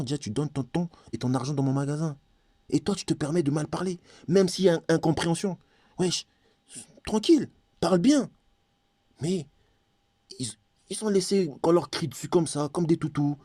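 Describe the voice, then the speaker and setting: Man, insistent and repetitive ranting vlogger, low warm tone, dead-dry room. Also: brisk, dry recording. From Congo. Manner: heated, insistent, repeats phrases, often talks straight to viewers. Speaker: YouTuber. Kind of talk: ranting monologue to camera.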